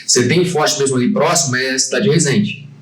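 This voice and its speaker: Man, 50s, from Brazil, podcast guest, hesitant with fillers, middle pitch, echoey room, distant mic. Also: steady tone, quick pace. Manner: hesitant, many fillers and restarts. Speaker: guest, franchise owner. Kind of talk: conversational podcast interview.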